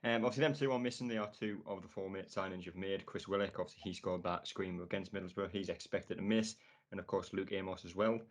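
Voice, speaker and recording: Brief: deep-voiced man with a Sunderland accent, talks quickly, casual football podcast host. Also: steady tone. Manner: quick, asks long leading questions.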